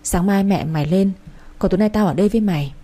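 A woman's voice: medium pitch, fast talker, mellow, natural voice. A woman reading the lines of a chatty, loyal young best friend in a storybook romance, fussing and teasing.

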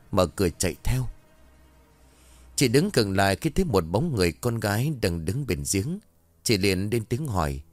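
A man narrating a ghost story in a steady, even way. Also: low-pitched, no room sound.

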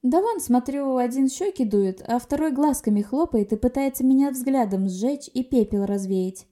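Brief: a woman playing a cheeky young witch, high and chirpy, flippant, dark-toned. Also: lively intonation, normal speed. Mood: teasing. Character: cheeky young witch girl, potion maker, carefree.

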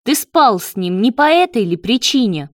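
A woman voicing a shocked, enraged young man in a spoken story, growling and shouting. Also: on the high side, big pitch swings, moderate pace, no echo, clean studio sound. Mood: angry. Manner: growling, yelling.

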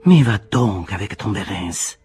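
A man reading aloud voices a mocking young foreign woman with a slightly veiled, pleasantly hoarse voice, in a storybook reading. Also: fairly low pitch, lively intonation, measured pace, mellow, faint music behind, full character voice. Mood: teasing. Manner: mocking, playful.

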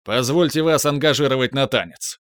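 A man's voice: medium pitch, animated, measured pace, no room sound, clean studio sound, natural voice. A man voicing a jovial institute director who speaks with theatrical pomposity. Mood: jubilant.

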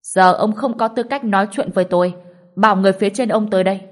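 A woman's voice: mid-range voice, a little fast, natural voice. A woman voicing a confident young male doctor and cultivator who talks curtly and coolly. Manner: cool, curt.

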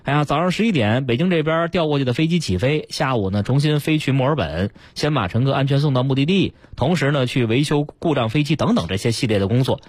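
Male radio host, husky, lively pitch, casual storytelling chat. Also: fast, few pauses, no room sound. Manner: chatty, retells news stories with lots of fillers. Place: radio studio.

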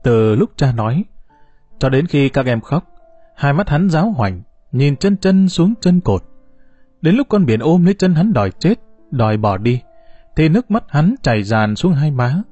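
A man narrating a novel for an audiobook in a calm, measured storytelling voice. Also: fairly high pitch, husky, no echo, faint music behind. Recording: dull, slightly muffled recording.

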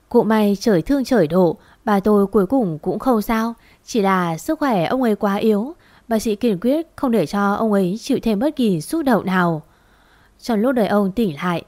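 A woman narrating a dramatic family story in a steady, even storytelling read. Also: medium pitch, dry recording.

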